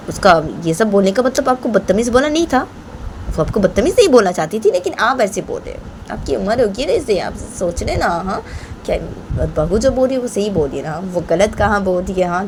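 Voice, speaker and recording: A woman doing a calm middle-aged mother, quiet soft voice, gently reasoning, storybook telling. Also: medium pitch, a little fast, slight background noise, voice pushed up. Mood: gentle.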